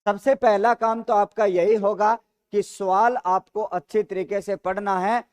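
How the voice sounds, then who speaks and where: This is a man with a high-pitched, clean, slightly mellow voice, speaking unhurriedly with fairly even intonation. In a live online grammar class he reads student comments, repeats each question and answers it, all with a Rajasthani Hindi accent and a constant stream of "sir" directed at viewers.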